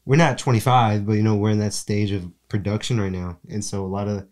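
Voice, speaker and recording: A young man with a low voice and a stuffy, congested sound talks through a film review in a loose, casual way. He rambles and circles back to correct himself as he goes. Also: a little fast. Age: young adult. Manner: rambling, self-correcting, relaxed. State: congested from allergies. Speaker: podcast co-host.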